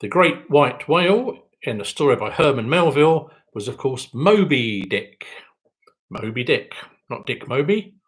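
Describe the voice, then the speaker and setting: A man's voice: medium pitch, sing-song, poor audio. Quiz host, male, dry wit, sing-song delivery that rises on each question. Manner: repeats each question slowly, dry joking asides. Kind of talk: reading out quiz questions and answers.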